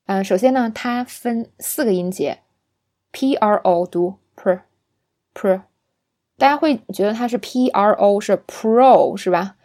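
A woman teaching an English lesson, breaking words down syllable by syllable and often checking in with her listeners through a quick tag question. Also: medium pitch, darkish tone. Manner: patient, explains pronunciation syllable by syllable. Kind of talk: spoken language lesson.

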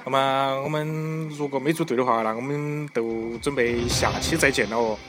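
A man's voice: mid-range voice, fairly even intonation, normal speed. A man with a Chongqing Sichuan accent hosting a podcast in casual, comic banter, playfully repeating his phrases. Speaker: podcast host. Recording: music behind the voice.

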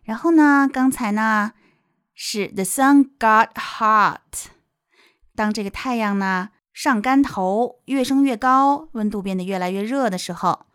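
Animated woman teacher explaining a picture book. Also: fairly high pitch, unhurried, clean tone, no echo, clean studio sound. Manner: explanatory, with lively rises. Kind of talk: picture-book reading lesson.

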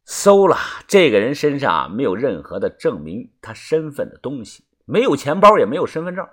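Husky, dramatic male storyteller. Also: mid-range voice, sing-song. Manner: dramatic, with many drawn-out filler particles. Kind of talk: first-person audiobook narration.

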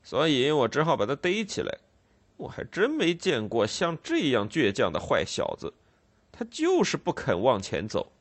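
A man's voice: medium pitch, wildly swooping pitch, moderate pace. A man voicing a cold, stern police constable who speaks curtly and firmly, unmoved. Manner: curt, unmoved, loud and firm.

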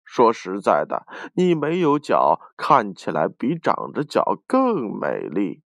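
A man doing a low, evasive dragon. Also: wildly swooping pitch, takes it slowly, vocal fry, fairly bright tone, dry recording, heavily acted. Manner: flustered, evasive. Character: big male dragon, evasive and polite.

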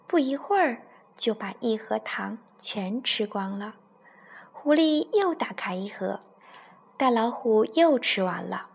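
Soft-spoken mother telling a bedtime story. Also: a little high, vocal fry, breathy edge. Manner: soft, tender, gentle. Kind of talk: gentle storytelling narration. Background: faint music.

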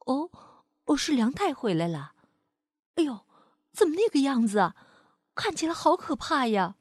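A woman voicing a gentle, loving mother dinosaur who speaks in a tender, soothing way, in a spoken storybook. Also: high voice, very animated, moderate pace, no room sound, clean studio sound, pitched above the performer's own voice.

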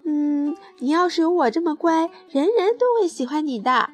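A woman voicing a cheerful little rabbit boy in a children's story, speaking in a bright, coaxing tone. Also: sits high, lively intonation, moderate pace, faint music behind.

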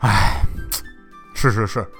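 A man's voice: sits high, big pitch swings, a little fast, faint music behind. A male storyteller voicing a distraught, indignant man who scolds the people who cut him down from a noose. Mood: apologetic. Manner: scolding, rambling, exasperated. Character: distraught man at a hanging tree, indignant and long-winded.

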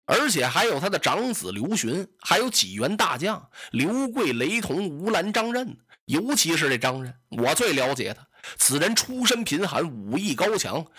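Animated man telling a classic tale. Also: sits high, husky. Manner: animated, dramatic narration. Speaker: storyteller. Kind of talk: traditional Chinese oral storytelling.

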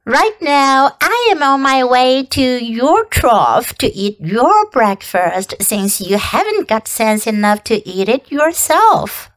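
A woman's voice: high-pitched, very animated, takes it slowly, few pauses, exaggerated voice. A woman voicing a sour, crafty male rat who speaks with scorn.

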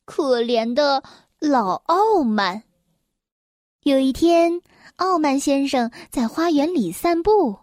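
Slow, lilting woman storyteller. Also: sits high, no room sound, studio quality. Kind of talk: children's storybook reading.

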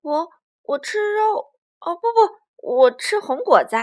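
A woman voicing a male tyrannosaur in a storybook tale, a former bully who stammers and blurts out his lines loudly when flustered. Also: high-pitched, very animated, a little slow. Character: gruff male tyrannosaur, bully turned bashful.

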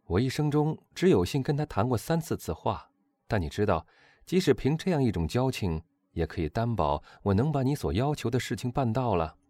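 Man doing a calm, measured young gentleman. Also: mid-range voice, no echo, voice pushed up, natural voice.

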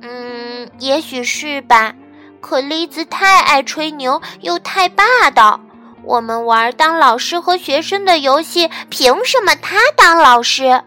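A woman voicing a stubborn, quick-tempered little girl bear cub in a storybook reading, shrill and loud when she protests. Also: soft background music, exaggerated voice. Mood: sulky.

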